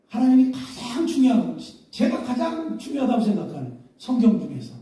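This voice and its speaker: A male pastor with a high, dark and mellow voice preaches in a loose, conversational way and slips into the voices of the people in his story. He is recorded from a distance, and a long, roomy echo of the church hall hangs on every word. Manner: casual storytelling, acting out quoted voices. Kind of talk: sermon. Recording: echoey hall, mic far off.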